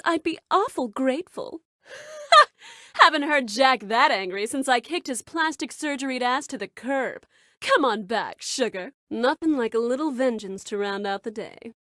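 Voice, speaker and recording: A woman's voice: a little high, a bit bright, no room sound, clean studio sound. A woman voicing a flirtatious, brash bar owner in a video game, speaking in a sultry, suggestive purr. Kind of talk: video game character dialogue.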